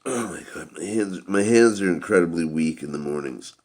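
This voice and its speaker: A man giving a casual product review in a rambling, halting way. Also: low-pitched, a little mellow.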